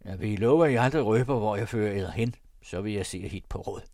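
A man reading aloud and voicing a sly, rough poacher of the heath who talks in a wry, folksy way. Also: fairly low pitch, a little mellow, no echo, clean studio sound, close to an everyday voice. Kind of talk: audiobook character voice.

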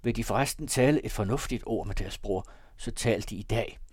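Blunt young doctor, read by a man, clinical, hushed; dry close mic. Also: fairly low pitch, husky, no room sound. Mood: grave. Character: young male doctor, blunt and matter-of-fact. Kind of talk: audiobook reading of a classic novel.

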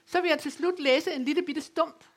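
A woman from West Funen giving an academic lecture, speaking in a measured, explanatory way with occasional hesitations. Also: sits high. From West Funen, Denmark. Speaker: lecturer on dialect literature. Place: folk high school lecture venue.

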